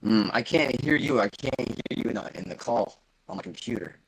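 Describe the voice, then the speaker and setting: Man in his twenties, from Canada, call-in caller, gravelly voice, call audio breaking up and dropping out, keeps checking if he can be heard. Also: mid-range voice, normal speed, no echo, low-quality recording. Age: 20s. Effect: broken-up call audio cutting in and out. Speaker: caller joining a live debate stream. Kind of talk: casual call-in chat.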